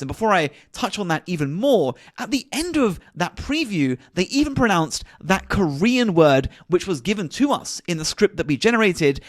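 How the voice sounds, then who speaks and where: A man hosting a software tutorial, walking through each click step by step in an instructive manner. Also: sits high, dry recording, studio quality. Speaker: tutorial host. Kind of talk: screen-recorded software tutorial.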